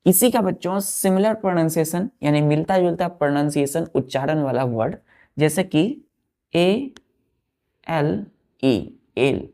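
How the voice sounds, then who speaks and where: A woman teaching a vocabulary lesson, repeating words slowly and checking that the children follow, with an Indian English accent on the English words. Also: deep voice, mellow. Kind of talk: vocabulary lesson, explaining word by word.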